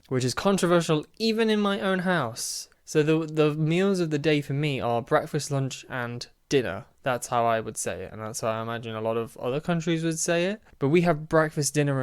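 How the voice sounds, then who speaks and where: A man's voice: medium pitch, smooth. A young man, casually chatting on his own through a quiz, self-mocking and often laughing. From United Kingdom. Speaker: podcast host. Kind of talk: casual solo chat answering a quiz.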